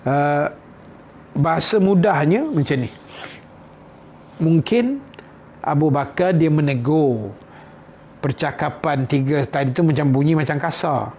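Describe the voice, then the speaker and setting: A man's voice: a little high, a little slow, long pauses, a little mellow, a little hiss or hum. A man with a Malaysian Malay accent giving a conversational religious lecture as a teacher. He asks his listeners questions and retells the quotes he reads in casual everyday speech.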